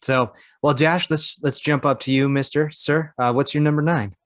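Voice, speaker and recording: A podcast co-host chats casually and conversationally in a slightly high voice with fairly even intonation and normal speed. The studio recording is clean, with no room sound.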